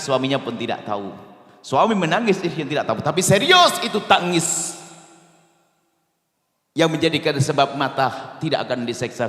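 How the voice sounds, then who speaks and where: Impassioned preacher man in an echoey hall. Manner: impassioned, swings from low murmurs to loud pleading. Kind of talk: sermon.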